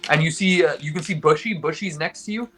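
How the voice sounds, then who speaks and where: A man's voice: a little high, fast talker, fairly bright tone. A man narrating a tabletop game as game master, improvising vivid descriptions in colloquial language.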